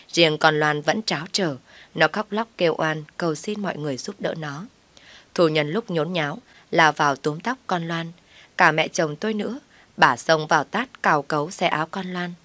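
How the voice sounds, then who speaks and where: Woman storyteller, low and steady, first-person drama, dry recording. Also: dry recording. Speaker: narrator.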